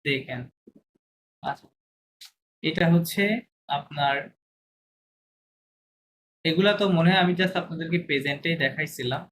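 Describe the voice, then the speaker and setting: A man teaching a language class online, repeating examples slowly and checking with his students as he goes. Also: fairly high pitch, a bit bright, poor audio. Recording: video call with clear background noise.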